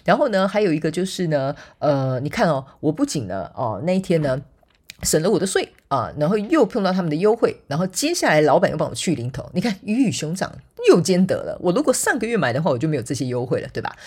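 Sleepy, husky-voiced woman podcaster. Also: low-pitched, very animated, quick pace, darkish tone. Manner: chatty, acts out quoted dialogue, frequent fillers like OK and 哈. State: sleepy, softer voice than usual. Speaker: podcast host. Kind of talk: casual solo podcast storytelling.

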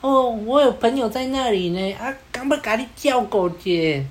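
A man voicing a pushy, fake-friendly young wannabe thug, with a slow drawl and a Taiwanese Mandarin accent. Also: extremely high pitch, lively intonation, voice pushed up. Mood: swaggering.

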